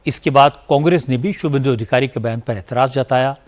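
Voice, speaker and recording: A male news anchor reading scripted narration in a steady, formal way. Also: medium pitch, a little fast.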